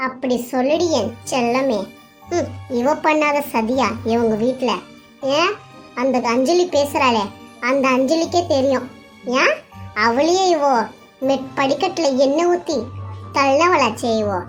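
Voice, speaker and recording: A woman's voice: high-pitched, unhurried, faint music behind. A woman voicing a cruel mother-in-law who mocks and jeers with sarcasm. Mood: mocking. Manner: mocking, sarcastic.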